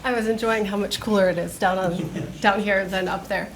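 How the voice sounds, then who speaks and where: A woman's voice: mid-range voice, steady tone, moderate pace, slight background noise. An American woman giving a candidate's opening remarks off the cuff, conversational and a little self-deprecating. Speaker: candidate and lawyer.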